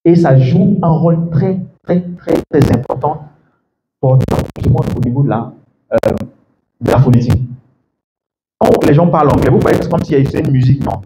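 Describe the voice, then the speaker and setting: A man teaching English to a class of students, lively and full of questions to the room, laughing often. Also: mid-range voice, moderate pace. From Ivory Coast. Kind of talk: classroom masterclass. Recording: echoey room with faint background noise.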